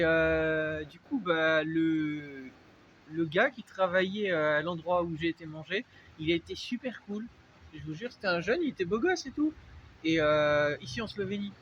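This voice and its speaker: A Frenchman with a French accent rambles through a casual vlog, drifting between points and full of fillers and restarts. His voice sits high for a man and sounds a bit bright. He is in a dark, unlit spot with vehicle noise around, and the audio is dull and lo-fi with a faint hiss beneath.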